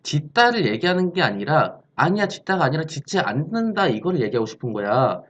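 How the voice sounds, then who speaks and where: A man's voice: a little high, very animated, fairly quick, lo-fi sound. A man teaching an English grammar lesson, explaining step by step and posing questions he answers himself. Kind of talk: recorded classroom-style lesson.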